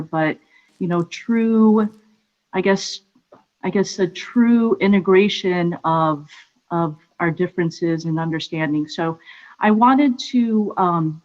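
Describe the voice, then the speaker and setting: A woman gives a public comment over a video call, her voice slightly low. She talks very slowly and hesitantly, filling gaps with fillers. The audio sounds dull and lo-fi. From Philippines, raised in Michigan. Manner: hesitant, many pauses and fillers. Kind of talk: public comment at council meeting.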